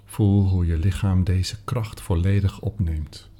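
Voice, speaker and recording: A man guiding a meditation, speaking softly and soothingly, sometimes dropping into a whisper. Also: sits low, fairly even intonation. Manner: slow, soft-spoken, soothing, with whispered phrases. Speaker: meditation guide. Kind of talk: guided meditation. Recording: soft music behind.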